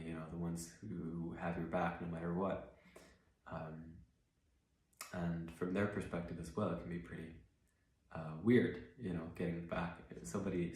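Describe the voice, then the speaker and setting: Between songs on a relaxed livestream, a male songwriter from Iceland, Icelandic being his native tongue, talks in a low, slightly mellow voice. The living room he's in is heavily echoey, and his storytelling is reflective, meandering, and thick with fillers.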